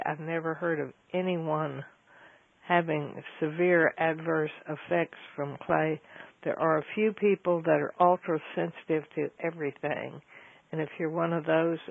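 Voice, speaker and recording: Man, gravelly voice, flat delivery, rambling explainer, tinny phone line. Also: fairly high pitch, no room sound. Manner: rambling, fillers and self-corrections. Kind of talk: casual explanatory talk.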